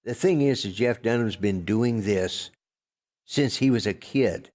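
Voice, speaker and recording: An older man co-hosting a podcast, chatting casually in a gruff, rambling way with lots of fillers and restarts. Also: on the low side, measured pace, a little mellow. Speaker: podcast co-host. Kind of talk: casual chat.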